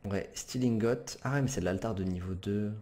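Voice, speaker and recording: With a warm, lowish voice at a moderate pace, a man comments on the game he's playing. He's hesitant and chatty, correcting himself and using lots of fillers, and he says sorry for swearing in this let's play.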